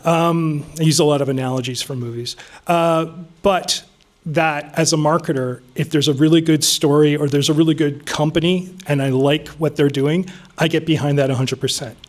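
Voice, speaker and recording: A man in his fifties, speaking from the top of his head to a room of listeners. His voice sits a touch higher than most men's, and he talks earnestly and plainly, with plenty of ums and small restarts. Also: steady tone, moderate pace. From Vancouver, Canada. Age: 50s. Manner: off-the-cuff, earnest, frequent ums. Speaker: city council candidate. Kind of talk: unscripted campaign speech. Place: meeting room with an audience.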